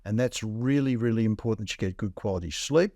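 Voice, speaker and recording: Blunt doctor, dry studio sound. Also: male voice, on the low side, fast talker, a little mellow, no echo. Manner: blunt, explains in plain numbers. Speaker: doctor co-host. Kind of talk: casual health podcast chat.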